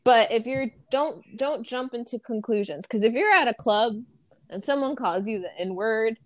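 A woman's voice: fairly high pitch, normal speed, no room sound. Blunt, profane woman co-host; casual talk, no room sound. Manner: frank and blunt, swears freely. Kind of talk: casual conversation.

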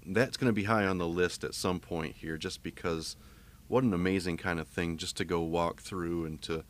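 A man's voice: low-pitched, moderate pace. A man hosting a podcast, chatting in an easygoing way with a guest. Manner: relaxed, easygoing, many restarts. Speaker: podcast host. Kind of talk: casual interview chat.

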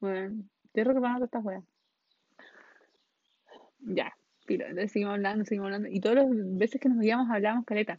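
A woman's voice: medium pitch, fairly even intonation, quick pace, long pauses, dry recording, muffled recording. Chatty young Chilean woman, rambling. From northern Chile. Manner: rambling, scattered, laughs often, heavy slang. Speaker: podcast host. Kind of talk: casual storytelling monologue.

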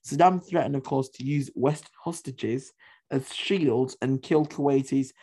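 A man's voice: medium pitch, measured pace, warm tone, slightly rough. A man hosting a history podcast, talking in an emphatic, opinionated way, repeating points for stress and swearing casually. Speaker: podcast host.

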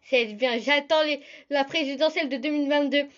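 A young woman hosts a casual solo podcast, talking quickly in a chatty, lively way and often turning to address her listeners directly. Her voice sits a little high. The recording sounds slightly dull and lo-fi. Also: a little hiss or hum. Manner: fast, chatty, addresses listeners as "les gars". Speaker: podcast host.

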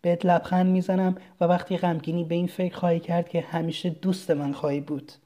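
A reader voicing a gentle, earnest young boy prince from a tiny planet in a storybook reading. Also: medium pitch, level tone, natural voice. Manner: soft, earnest and kind.

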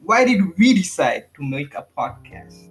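A man's voice: on the high side, big pitch swings, unhurried, over music. Teasing young man hosting a podcast. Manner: teasing, laughs often. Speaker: podcast host. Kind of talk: casual chat.

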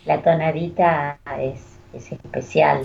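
A woman's voice: deep voice, fairly even intonation, slow pace, vocal fry, lo-fi sound, crowd noise. A woman from Córdoba, Argentina, chats effusively on a radio show. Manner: effusive, warm praise. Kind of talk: casual radio chat.

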